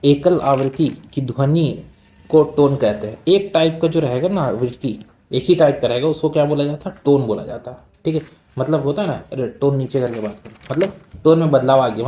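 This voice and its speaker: A male teacher giving a line-by-line textbook lesson. He reads each line slowly, then explains it casually, asking questions and answering them himself. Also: fairly high pitch, warm tone, a little hiss or hum. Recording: echoey room.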